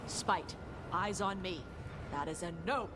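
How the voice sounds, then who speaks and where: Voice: mid-range voice, slow, heavy background noise, natural voice. Blunt game companion voiced by an actor. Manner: blunt, scolding.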